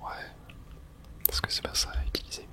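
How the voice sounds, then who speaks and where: While playing a video game, a host murmurs ASMR commentary in an unvoiced, breathy whisper that's soft and hesitant, at a normal speed.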